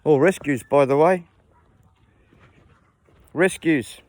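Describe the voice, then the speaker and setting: A man's voice: on the high side, slow pace, dry recording. Blunt older Australian man ranting. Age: 70s. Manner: blunt, opinionated, rambling. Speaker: vlogger and hobby farmer. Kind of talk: casual ranting monologue. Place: outdoors on a small farm among animals.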